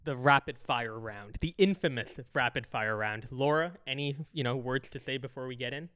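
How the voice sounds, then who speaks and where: A man's voice: medium pitch, a bit bright, clean tone. Upbeat male podcast host. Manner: upbeat, quick to agree and laugh. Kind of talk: casual chat.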